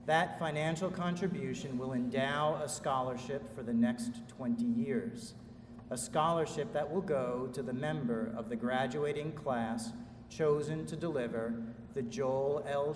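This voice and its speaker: A man's voice: medium pitch, a little mellow. Echoey, distant man giving a formal speech. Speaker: ceremony speaker introducing an orator. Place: large indoor hall at a school commencement. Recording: echoey hall, distant mic, faint noise.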